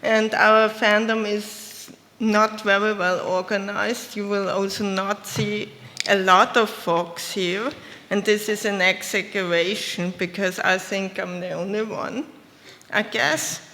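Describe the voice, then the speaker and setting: A woman's voice: medium pitch, fairly even intonation, takes it slowly, sharp tone, a little hiss or hum. A woman speaking on a convention panel, telling her story hesitantly and correcting herself as she goes. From Austria. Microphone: shared handheld mic. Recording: reverberant hall.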